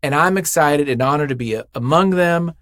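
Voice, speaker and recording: Slightly high-voiced and fairly quick, with a fairly bright tone, a podcast writer rambles happily through an informal, unscripted studio interview, full of jokes and enthusiasm. The recording is dry.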